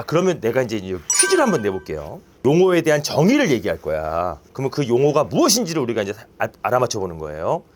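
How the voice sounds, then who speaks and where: A man teaching a science lesson to children in a classroom, playful and quizzing his pupils with quick questions. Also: mid-range voice, a little hiss or hum.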